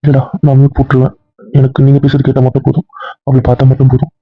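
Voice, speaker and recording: ஒரு ஆண் நடிகர், அவளைப் பார்க்க வேண்டும் என்று திரும்பத் திரும்பக் கெஞ்சும் பதற்றமான இளைஞனாக நடிக்கிறார். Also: male voice, medium pitch, completely flat delivery, very fast, dry recording, soft background music. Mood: pleading. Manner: pleading, repeats please. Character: anxious young man begging to see her. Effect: heard over a video call. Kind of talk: web serial acting. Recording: tinny phone-like lo-fi sound.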